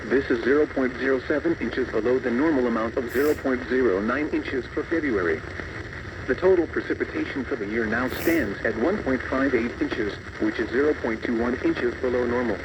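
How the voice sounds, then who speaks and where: Through muffled, noisy radio reception comes a brisk, medium-pitched text-to-speech male announcer, far from the mic. He delivers a scripted weather bulletin in clipped, impersonal phrases.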